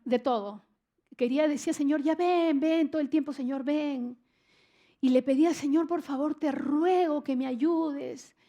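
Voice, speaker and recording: An older woman preaching a church sermon, telling a personal testimony in an earnest, emotional way with frequent halting restarts. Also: a little high, a little mellow.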